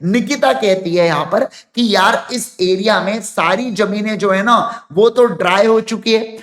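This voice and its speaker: Animated high-voiced man teaching law. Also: a little slow. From India. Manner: animated storytelling with call-and-response questions to students; acts out students' lines and crying in put-on voices. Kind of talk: classroom lecture.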